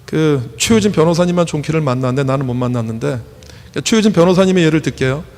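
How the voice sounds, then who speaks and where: A man's voice: a little high, fast talker, darkish tone. A male pastor preaching a sermon, putting questions to the congregation and acting out quoted voices. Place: church hall. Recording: long hall reverb.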